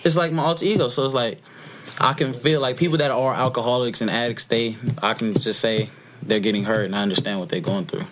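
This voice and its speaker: A man's voice: medium pitch, steady tone, a little fast, background noise. A nineteen-year-old man, a rapper guest, talking casually in a loose, rambling way, often adding "you feel me". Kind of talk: casual interview chat.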